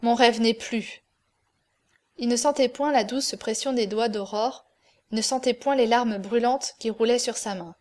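A woman narrating a classic novel in a measured, expressive audiobook reading. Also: on the high side.

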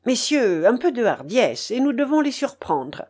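A woman reading the part of a calm, steely older male ship commander who gives firm, clipped orders. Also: a little high, unhurried, husky, heavily acted. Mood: stern.

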